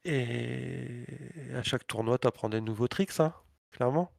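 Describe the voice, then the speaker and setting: Podcast co-host, male, mid-pitched, swears freely, animated storyteller, dry close sound. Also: normal speed, vocal fry, no echo. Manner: animated, crude slang and swearing; frequent filler hesitations. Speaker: podcast co-host and competitive player. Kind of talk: casual storytelling chat.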